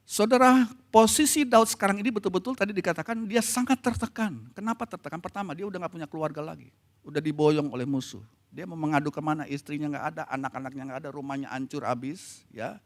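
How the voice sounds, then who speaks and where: Male pastor, middle-aged, high-pitched, conversational sermon in a church, soft-to-emphatic delivery.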